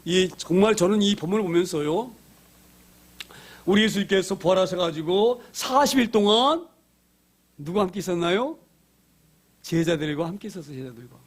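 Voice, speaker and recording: A male pastor delivering a sermon with a high-pitched voice. He preaches in an animated way, dropping to quiet asides and then rising to sudden loud outbursts as he dramatizes the scenes he retells. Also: normal speed, long pauses.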